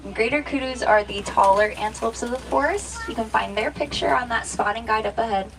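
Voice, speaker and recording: A woman with a fairly high voice works as a safari guide. She delivers a practiced tour narration, welcoming riders and pointing things out as she goes. She is from Texas and speaks from an outdoor safari truck. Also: brisk, a bit bright, low-quality recording. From Dallas, Texas. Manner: welcoming, addresses riders as friends. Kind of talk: scripted tour narration with spiels.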